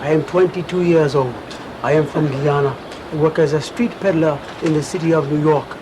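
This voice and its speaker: A man's voice: a little high, fairly even intonation, moderate pace, lightly acted. An actor playing an earnest street peddler in his twenties, introducing himself in a scripted reenactment. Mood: earnest, plain. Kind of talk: first-person scripted introduction. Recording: clearly noisy background.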